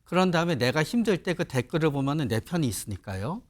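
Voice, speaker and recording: A man's voice: on the high side, sing-song. A man, a psychiatrist on a talk show panel, explaining the psychology behind online venting. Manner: explanatory, quick. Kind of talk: expert commentary.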